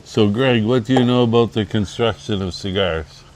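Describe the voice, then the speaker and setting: Relaxed lower-voiced man chatting outdoors. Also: moderate pace, a little hiss or hum. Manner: relaxed, explains with many fillers. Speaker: co-host of a cigar review channel. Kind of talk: casual chat.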